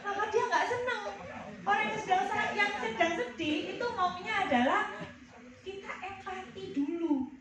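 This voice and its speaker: A woman's voice: extremely high pitch, moderate pace, crowd noise. A woman leading a counseling workshop, explaining and asking the audience questions. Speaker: counseling trainer. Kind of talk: workshop lecture. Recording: echoey hall, distant mic, background noise.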